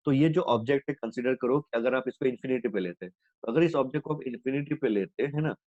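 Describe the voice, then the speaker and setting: Working through problems on a board, this physics teacher blends Hindi with English terminology, poses his own questions and answers them, and keeps repeating "है ना". He has a medium-pitched, darkish voice, captured in a dry, dull lo-fi recording.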